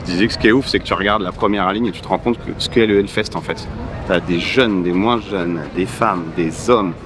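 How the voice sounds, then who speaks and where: A man's voice: low-pitched, a little fast. A man hosting a vlog, chatting casually and jokingly to the camera while walking outdoors. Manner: joking, rambling with fillers. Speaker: vlogger host. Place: outdoors at a festival parking lot. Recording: noisy outdoor recording.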